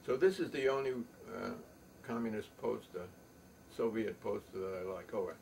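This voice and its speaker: An older man telling a story in a rambling, halting way, with many pauses and fillers. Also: fairly low pitch, gravelly, darkish tone. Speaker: show host. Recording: distant mic with faint room noise.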